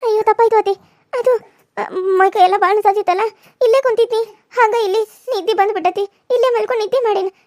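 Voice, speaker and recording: A woman's voice: very high voice, fast talker, a little mellow, dry recording, clean studio sound. A woman voicing a meek, overworked young daughter-in-law, who talks in a pleading, apologetic way. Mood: tired. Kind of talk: cartoon voice acting.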